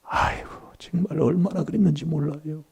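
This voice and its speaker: A man's voice: a little high, steady tone, normal speed, gravelly, darkish tone, breathy edge. A middle-aged man preaching a sermon in a church, emphatic and prompting the congregation for replies.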